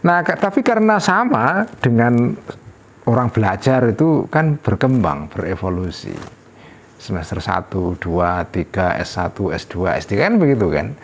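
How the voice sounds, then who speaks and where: A middle-aged man teaching a classical religious text in a relaxed study-circle lecture, thinking aloud with rhetorical questions and short tag words, and lifting his voice sharply when he quotes an exclamation. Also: lowish voice, moderate pace, slight background noise.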